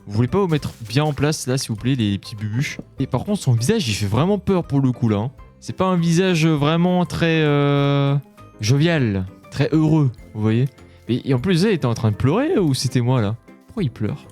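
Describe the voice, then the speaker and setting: A man's voice: medium pitch, expressive, moderate pace, darkish tone. A young man giving casual Let's Play commentary, chatty and jumpy, breaking into scared yelps. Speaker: gaming YouTuber. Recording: faint game music behind.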